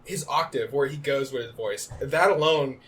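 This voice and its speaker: A man co-hosting a casual podcast chat, animated and storytelling, slipping into quoted voices. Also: mid-range voice, normal speed, slight background noise. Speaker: podcast co-host.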